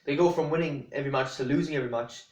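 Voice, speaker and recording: A man's voice: fairly high pitch, very fast, a little mellow, reverberant. A man talking casually to camera, rambling and blunt, with many fillers and restarts. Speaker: vlogger.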